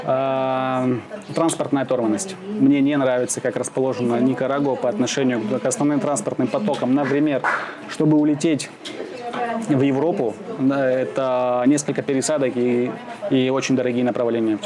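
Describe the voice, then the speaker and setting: A man from Siberia being interviewed outdoors in the shade, answering slowly with many pauses, fillers and restarts. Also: medium pitch, little pitch movement. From Russia (Siberia). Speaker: interviewee, expat businessman. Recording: outdoor crowd noise behind.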